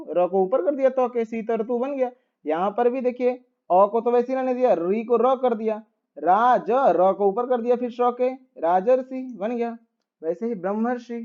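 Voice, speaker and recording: With a high voice and the highs cut off in the recording, a man patiently teaches grammar, repeating each step and posing rhetorical questions as he writes on a board.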